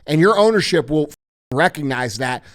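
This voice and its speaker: A man's voice: fairly high pitch, expressive, normal speed. Blunt, profane podcast host, man. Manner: blunt, emphatic, heavy swearing. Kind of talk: profane motivational advice.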